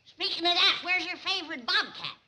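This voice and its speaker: Shrill old hillbilly granny. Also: female voice, animated, brisk. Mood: bossy, teasing. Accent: Southern US hillbilly. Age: older. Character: feisty old hillbilly granny, bossy, teasing. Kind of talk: 1960s television sitcom acting. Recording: echoey, noisy old television soundtrack.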